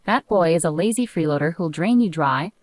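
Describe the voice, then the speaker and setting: A woman's voice: fairly low pitch, lively intonation, brisk, no echo, close to an everyday voice. A woman voicing a blunt, stern old aunt who gives a warning in a read-aloud story.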